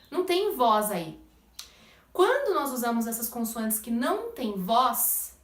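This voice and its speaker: A woman's voice: high voice, a bit bright, roomy sound, far from the mic. A woman teaching English pronunciation in Portuguese, explaining step by step and checking in with the listener often. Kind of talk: pronunciation lesson.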